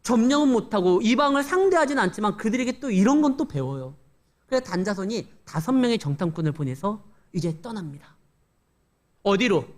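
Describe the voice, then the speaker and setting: Korean pastor guy preaching, lively swooping voice, chatty and jokey. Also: high voice, brisk. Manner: conversational, storytelling with humorous asides. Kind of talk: sermon.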